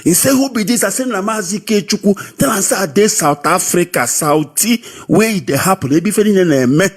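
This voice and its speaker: A man with a Nigerian Pidgin accent telling his personal story in a lively, sing-song way, heard over a radio broadcast. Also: high-pitched, a little fast, husky. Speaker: radio caller. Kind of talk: personal testimony.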